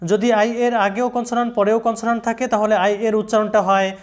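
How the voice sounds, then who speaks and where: A woman's voice: mid-range voice, little pitch movement. Woman, pronunciation teacher; patient, spells out letters, sounds each syllable, talks straight to students. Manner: addresses students directly, repeats key words slowly. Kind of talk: recorded video lesson.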